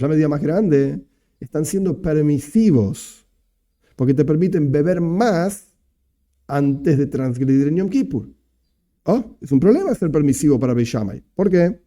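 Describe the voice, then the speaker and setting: A man with an Argentine Spanish accent, teaching a Talmud lesson as a rabbi, explaining step by step and reading Aramaic phrases slowly. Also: a little high, dark tone.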